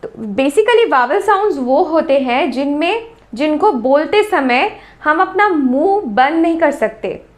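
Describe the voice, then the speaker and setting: A woman with an Indian accent teaching English grammar, explaining slowly and repeating sounds and words to demonstrate them. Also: sits high, expressive. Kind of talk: classroom-style lesson explanation.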